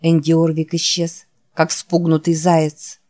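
Slow, low-voiced woman narrating. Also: monotone, darkish tone. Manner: measured, dramatic reading. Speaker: audiobook narrator. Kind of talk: scripted narration.

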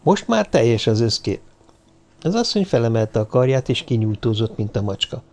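Dark-voiced male audiobook narrator. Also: mid-range voice, very animated. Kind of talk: scripted narration.

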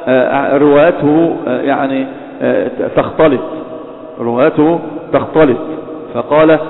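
A man gives a religious lecture on hadith criticism, often hesitating and correcting himself. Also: on the high side. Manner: frequent hesitations and self-corrections. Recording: echoey hall over a tinny phone-like line.

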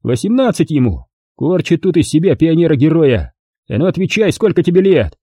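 A man voicing a brutal, loud army brigade commander who talks harshly and threateningly in an audiobook. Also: on the high side, big pitch swings, a little fast, husky, dry recording, studio quality, pitched above the performer's own voice. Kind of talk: audiobook character voice.

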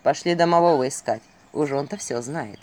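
A woman's voice: deep voice, moderate pace, a little mellow, pitched below the performer's own voice, close to an everyday voice. A woman voicing a grumpy, jealous male owl sidekick with a grumbling, sardonic manner.

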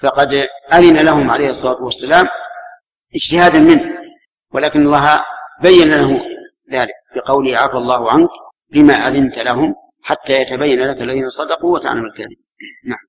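A man's voice: mid-range voice, fairly even intonation, quick pace, rough recording. A male religious scholar giving spontaneous commentary in a class, explaining the text and then asking the reader to go on.

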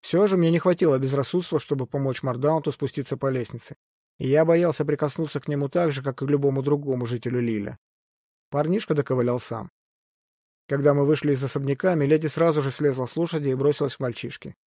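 A man reading first-person adventure fiction aloud as an audiobook narrator, steady and measured. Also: medium pitch, no echo, clean studio sound.

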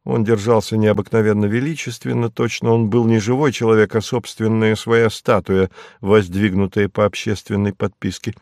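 A man narrating a classic novel in a measured, even storytelling manner. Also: lowish voice, no room sound, clean studio sound. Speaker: audiobook narrator.

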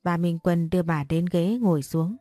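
A woman tells a first-person story in a mellow, dark-toned voice, speaking a little low. She reads all the characters' lines in her own voice. The recording is close and dry, with faint music underneath. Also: moderate pace, dry recording.

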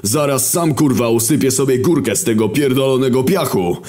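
A man voicing War, a crude, loud, swearing male god of war. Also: mid-range voice, moderate pace, faint music behind, voice pushed up, close to an everyday voice. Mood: exasperated.

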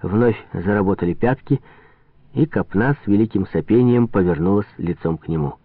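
A man reading a novel aloud as an audiobook narrator, expressive and measured. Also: lowish voice, breathy edge, dry recording. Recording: tinny phone-like sound, dry.

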